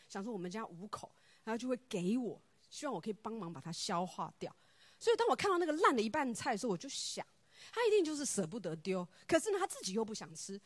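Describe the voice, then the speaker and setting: A woman giving a personal devotional talk, telling stories in an animated way and acting out the dialogue. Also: fairly high pitch, no room sound.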